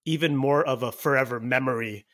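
A man's voice: medium pitch, fairly quick, fairly bright tone. A man in his thirties hosts a podcast in an easy, upbeat way. He fills his sentences with "like" while speaking into a headset mic at home. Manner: upbeat, heavy use of "like". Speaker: podcast host. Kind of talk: casual podcast interview. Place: home room.

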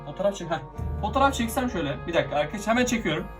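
A young man vlogging casually and excitedly, constantly talking to his viewers as he records himself. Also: high voice, very fast, music in the background. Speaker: YouTuber. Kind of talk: casual horror prank vlog.

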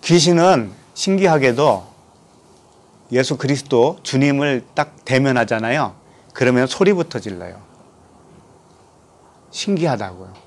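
Male pastor from Korea, mid-pitched, preaching; reads scripture and asks the congregation questions. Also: animated, a little slow, long pauses. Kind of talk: sermon.

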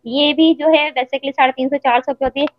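A woman with a Pakistani accent gives an eager, unscripted teleshopping-style sales pitch, listing products and prices and often checking back with a quick question. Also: fairly even intonation, no room sound, dull audio.

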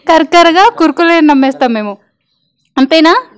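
A high-pitched young woman works as an anchor, chatting with children in a light, teasing way. She talks a lot and keeps asking them questions. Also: expressive, normal speed. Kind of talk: playful interview with children.

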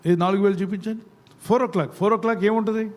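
Man, pastor, high voice, preaching, quizzes the congregation, church service. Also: fairly even intonation, rapid-fire. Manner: call-and-response, quizzing the congregation. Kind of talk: sermon.

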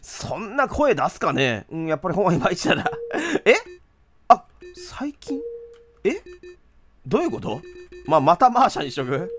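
A man giving animated let's-play commentary in rough, casual speech, often laughing. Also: sits high, moderate pace, soft background music. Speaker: game streamer.

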